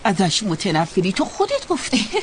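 A woman dubbing a motherly figure who asks sharp questions and promises to discipline the niece. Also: mid-range voice, huge pitch swings, a little hiss or hum. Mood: brisk. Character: motherly older woman, firm but caring. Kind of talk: dubbed drama acting.

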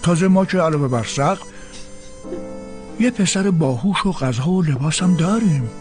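A man's voice: a little high, lively intonation, darkish tone, soft background music, close to an everyday voice. A man dubbing a patient husband who soothes his tearful wife. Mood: soothing. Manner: soothing, reassuring. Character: gentle comforting husband, patient and warm-hearted. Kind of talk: dubbed drama acting.

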